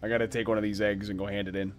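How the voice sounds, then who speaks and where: A man's voice: on the low side, flat delivery, very fast. A man chatting casually and teasing his co-op partner while streaming a farming game. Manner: joking, swearing, teasing banter. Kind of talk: casual co-op gameplay chat.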